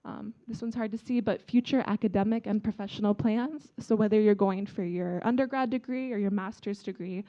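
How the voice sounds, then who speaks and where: Giving a casual, friendly presentation to students at an event, a young embassy vice consul from China speaks with an American accent. Her mellow, mid-range voice holds a steady tone, moving fairly quickly with few pauses, and the audio is dull.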